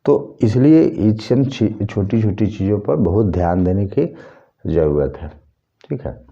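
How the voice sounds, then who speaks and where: Slow, deep-voiced male Hindi teacher. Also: animated, creaky, dark tone, muffled recording. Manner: slow, explanatory, tells a story as an example. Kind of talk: classroom lesson at a board.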